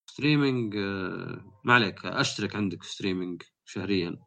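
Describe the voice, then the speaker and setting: A man's voice: deep voice, fast, vocal fry. A man hosting a podcast, talking casually and telling stories with animation. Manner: animated storytelling. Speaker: podcast host.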